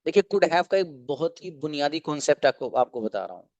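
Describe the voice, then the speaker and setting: Male online English teacher with a slightly high voice, dry close sound, patient and repetitive. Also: lively intonation, a little mellow, no room sound, dull audio. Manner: explains patiently, repeats example sentences slowly. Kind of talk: online grammar lesson in Hindi.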